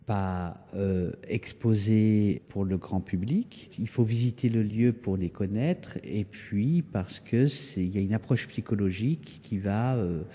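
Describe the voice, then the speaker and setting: A man, an artist explaining their work in an interview, halting and searching for words, in an echoey hall. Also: fairly low pitch, dark tone, husky. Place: indoor hall of a townhouse. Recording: echoey, resonant building interior.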